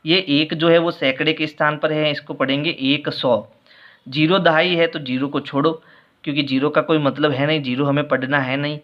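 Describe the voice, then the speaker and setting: A man's voice: a little high, muffled recording. A man teaching a maths worksheet lesson, patiently explaining step by step and repeating each answer.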